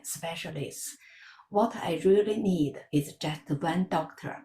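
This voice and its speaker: A woman from China giving a prepared campaign speech in a measured, earnest way. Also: sits low, dark tone, echoey room, slight background noise. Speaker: election candidate.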